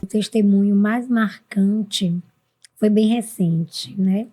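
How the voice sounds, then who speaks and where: A middle-aged Brazilian woman guest on a podcast, speaking in a casual and earnest way. Her voice is mellow and soft-edged, with a middle pitch. She often jumps sharply upward when she quotes other people. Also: slow pace, faint music behind. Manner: earnest, with sudden high-pitched bursts when quoting others. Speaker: podcast guest, mentor for women. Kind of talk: casual interview talk.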